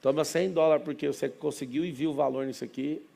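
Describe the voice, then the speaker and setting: A man with a Brazilian Portuguese accent, a business mentor telling an excitable story to a group, full of asides. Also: on the high side, creaky. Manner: excitable, rapid anecdotal delivery with many asides.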